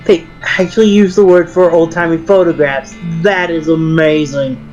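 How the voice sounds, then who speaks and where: A woman's voice: deep voice, fairly even intonation, moderate pace, a little mellow. A woman joins a game playthrough with casual chat. Her voice comes through a dull, lo-fi channel, with faint guitar music behind it.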